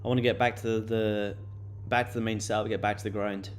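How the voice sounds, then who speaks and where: A late-twenties day-trading streamer fields viewer questions in casual chat, filling it with fillers and repeated words. He talks fast in a lowish, level-toned voice over a little hiss or hum.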